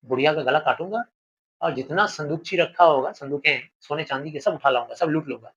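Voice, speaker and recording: A male teacher doing a hot-tempered young servant man, harsh and cursing. The voice sits a bit high for a man, and the audio is slightly dull. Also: brisk, fairly bright tone, breathy edge. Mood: scheming.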